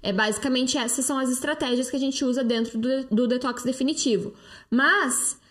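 High-voiced Brazilian woman hosting a live stream. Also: moderate pace, a bit bright. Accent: Brazilian Portuguese. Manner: chatty and persuasive, restarts and fillers like "né" and "tá". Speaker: live-stream host, detox coach. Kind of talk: live-stream talk answering viewer comments. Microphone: phone close-up.

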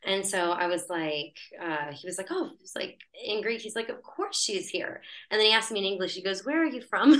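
Animated and medium-pitched, this American woman speaks at normal speed with few pauses. Appearing as a podcast guest, she shares a personal story in breezy, chatty conversation, laughing along the way.

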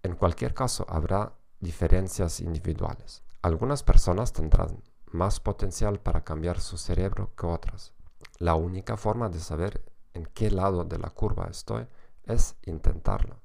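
Very deep, creaky German-accented man. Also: moderate pace, darkish tone. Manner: non-native, careful spoken delivery. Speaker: podcast host. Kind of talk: scripted podcast narration.

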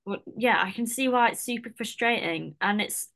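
A woman's voice: on the high side, moderate pace, a bit bright. A woman hosting a casual chat and responding sympathetically to her guest. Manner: sympathetic, agreeing. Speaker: host.

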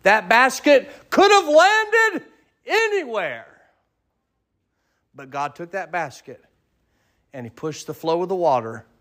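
A man's voice: medium pitch, a bit bright. A male pastor preaching a sermon, telling a story vividly and asking rhetorical questions of the congregation. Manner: vivid storytelling, acts out voices.

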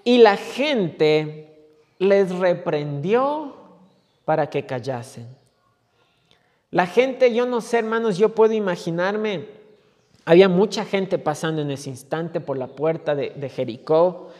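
A man's voice: high voice, animated, takes it slowly, a little mellow. A male pastor preaching a sermon, stumbling over repeated words and crying out quoted pleas. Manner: repeats words when stuck, then cries out quoted pleas. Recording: long hall reverb.

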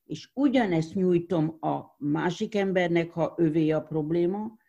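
Gravelly, dark-toned explainer on a dull recording. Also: medium pitch. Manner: thoughtful, explains with examples and restarts. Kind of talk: explanatory interview talk.

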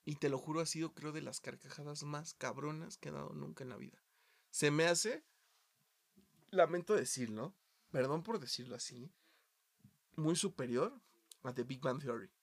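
A man with a Mexican Spanish accent, hosting a casual podcast chat and talking in an animated way, full of swearing, going from quiet asides to loud outbursts. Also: fairly high pitch, normal speed, vocal fry, long pauses. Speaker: podcast host.

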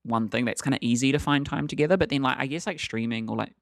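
A young man chatting excitedly about shows, full of fillers and swearing. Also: medium pitch, fast talker, gravelly, no echo, clean studio sound. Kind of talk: casual chat.

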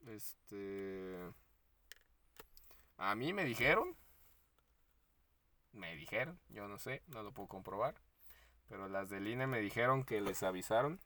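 A man with a Mexican accent co-hosting a podcast, retelling a story in slangy, animated casual chat and acting out the quotes. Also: on the low side, slow, long pauses. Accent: Mexican Spanish. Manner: frequent laughs and fillers like "este". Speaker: podcast co-host.

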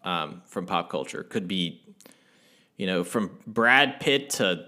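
A man's voice: deep voice, animated, slow, bright, forceful tone. A man co-hosting a casual podcast, explaining things at length with lots of fillers and restarts. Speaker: podcast co-host.

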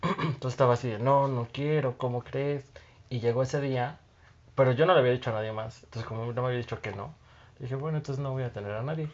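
A man with a mid-range voice talks fast on a muffled recording as he co-hosts a casual podcast. He's an animated storyteller who laughs often and acts out the quotes in his stories.

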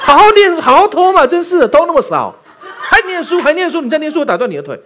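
A pastor voicing an exasperated parent who sarcastically scolds a child for studying. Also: male voice, very high voice, big pitch swings, fast talker, a bit bright, a little hiss or hum, pitched above the performer's own voice, heavily acted. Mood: mock scolding.

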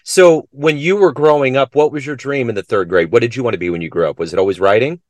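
A man's voice: mid-range voice, fast, no room sound. A man hosting a podcast, asking his guest questions in an eager way. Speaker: podcast interviewer. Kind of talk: interview questions.

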